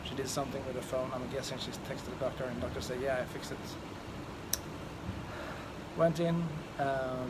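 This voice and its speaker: A man with a Swedish accent giving a casual, rambling vlog update in a halting, hesitant way. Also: medium pitch, little pitch movement. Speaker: vlogger. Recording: loud outdoor ambient noise.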